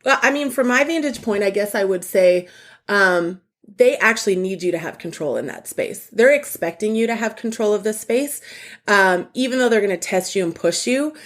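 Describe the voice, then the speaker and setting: Lady cohost on a youth ministry podcast, upbeat and emphatic, mid-pitched voice. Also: lively intonation, normal speed, fairly bright tone. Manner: upbeat, laughs often, emphatic. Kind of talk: casual podcast chat.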